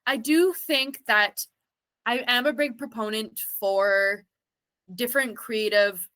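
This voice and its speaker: A woman who sings and acts is a guest in a casual interview, speaking slowly in a fairly high, fairly bright voice. She thinks aloud and rambles thoughtfully, dropping "like" again and again.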